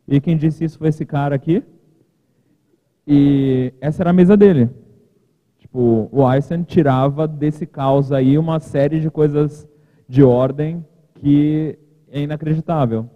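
A man speaks casually from a podium, his slightly high voice ringing out in a big reverberant hall. The sound is thin and narrow, almost like a phone line. He talks in a loose, informal way with joking asides. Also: steady tone, unhurried. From Brazil. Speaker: conference keynote speaker. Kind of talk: casual conference talk. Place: large conference hall, at a podium.

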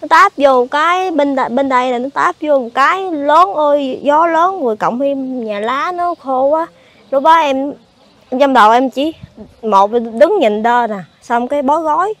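A pregnant woman with a Southern Vietnamese accent answers interview questions in a halting way, often repeating words as she recounts. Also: high voice, lively intonation, a bit bright, no echo. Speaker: fire victim being interviewed.

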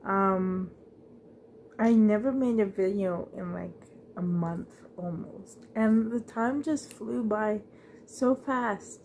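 A middle-aged woman chatting casually as a vlogger into a handheld phone at home, halting and often trailing off mid-thought. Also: mid-range voice, darkish tone, slight background noise. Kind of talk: casual, rambling vlog chat. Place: indoors in a living room at home. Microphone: handheld phone at arm's length.

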